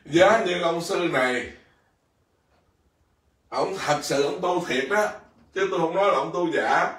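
A man who is a Buddhist monk, telling a story in a lively dharma talk, laughing often and acting out the figures. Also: a little high. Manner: lively, laughing, acts out a king and a soldier. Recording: echoey room, voice from a distance.

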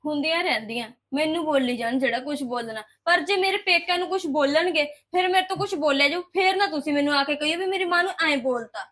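A woman's voice: high voice, fast talker, hardly any pauses, a bit bright. A woman acting a scheming young new bride in a short drama film, crying and complaining about her mother-in-law. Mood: tearful. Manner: complaining, plaintive, scheming asides.

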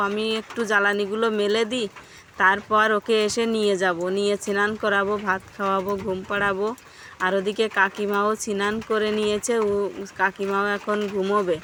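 A woman's voice: mid-range voice, pushed and bright. A woman narrating a family vlog outdoors at her rural home, talking chattily to viewers she calls friends. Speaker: family vlogger. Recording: noisy outdoor phone recording.

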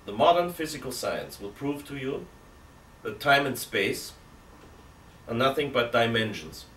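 Middle-aged priest reasoning aloud, roomy sound. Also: male voice, medium pitch, animated, unhurried, fairly bright tone. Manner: reasoning aloud, emphatic rhetorical questions; gestures with both hands while talking. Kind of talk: seated catechism talk. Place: indoor room with armchair. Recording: roomy, distant from mic, faint hiss.

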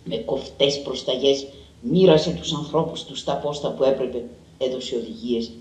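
A man giving a measured, dramatic literary reading of a story. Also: medium pitch, darkish tone. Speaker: reader. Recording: roomy and distant.

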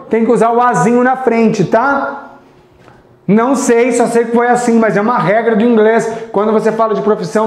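A Brazilian man teaching English on a live stream, chatty and encouraging, slowly repeating example phrases. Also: sits high, a little mellow, echoey room. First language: Portuguese. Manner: sings snippets of songs to teach. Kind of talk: live online English lesson.

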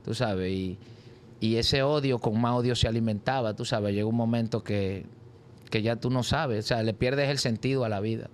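A man's voice: normal speed, a little hiss or hum. A man telling his life story in an interview, acting out the voices of the people in it. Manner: acts out voices in his story with sudden high cries. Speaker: interview guest. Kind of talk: animated personal testimony.

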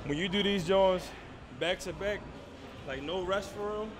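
Loud music fills the big indoor gym as this male athlete trades relaxed, slangy trash talk. He speaks in a high voice, a little slowly, and the music plays over his words.

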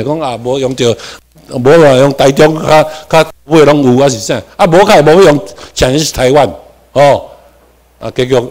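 This is a man with a Taiwanese accent giving a lecture to a class. His voice sits a little high for a man and swings up sharply whenever he stresses a point. He moves between Hokkien and Mandarin with English words mixed in. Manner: animated, with sudden rises in pitch and volume for emphasis. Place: lecture room.

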